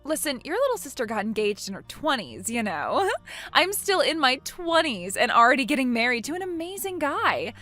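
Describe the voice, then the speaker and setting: A woman's voice: high voice, sing-song, normal speed, sharp tone, faint music behind, heavily acted. A woman in her twenties voicing a smug, spiteful younger sister who mocks and laughs at others, in a voiced text-message story. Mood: mocking. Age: 20s.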